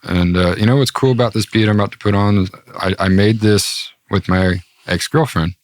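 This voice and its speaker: A man's voice: lowish voice, steady tone, brisk, dry recording, clean studio sound. A man hosting a podcast in casual chat, laid-back, slangy and full of swearing. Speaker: podcast host.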